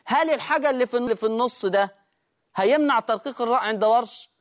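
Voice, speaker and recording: Egyptian-accented tutor of recitation, patient drills, checks in often. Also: medium pitch. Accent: Egyptian Arabic. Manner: drills words slowly and repeatedly, checks in with listeners. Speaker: Quran recitation teacher. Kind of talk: explanatory recitation lesson.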